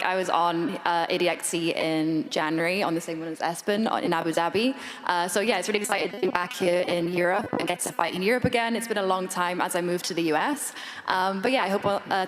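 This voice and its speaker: A woman's voice: on the low side, in a large hall. A woman, an athlete, giving apologetic, laughing remarks full of fillers at a press conference. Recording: music in the background.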